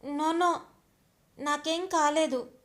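A woman's voice: high-pitched, steady tone, slow pace. A woman playing a tearful little boy. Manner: pleading, sobbing child talk. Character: young boy, anxious, tearful grandson. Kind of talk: audio story reading.

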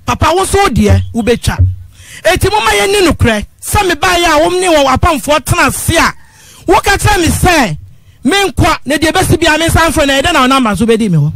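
Woman caller, very high voice, pleading and insistent, dry close sound. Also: sing-song, brisk, fairly bright tone, no echo, soft background music. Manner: pleading, insistent, repeatedly addresses the host as father. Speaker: radio call-in caller. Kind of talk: impassioned phone-in complaint.

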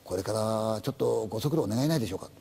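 A man acting out a hushed, hesitant policeman. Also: lowish voice, gravelly, breathy edge, pitched below the performer's own voice, exaggerated voice. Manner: halting, overly polite, hushed. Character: apologetic hesitant male police officer. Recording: long hall reverb.

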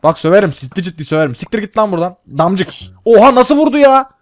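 A young man commentating a team game with a friend, excitable, laughing and swearing often. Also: high voice, fast talker, no echo. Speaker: gaming channel host. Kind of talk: casual gameplay commentary.

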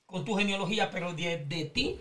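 High-voiced man explaining scripture. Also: fairly quick, pushed and bright. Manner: teaching, explains Bible stories step by step. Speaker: preacher in panel talk.

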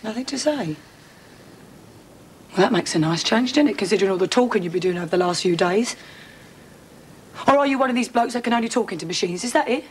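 An actress playing a furious middle-aged woman, confronting an unwanted man in a TV drama, sharp and sarcastic. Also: medium pitch, expressive, fast talker, long pauses, slight background noise, close to an everyday voice, poor audio. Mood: cold, scornful. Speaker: soap opera character. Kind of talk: broadcast TV drama acting.

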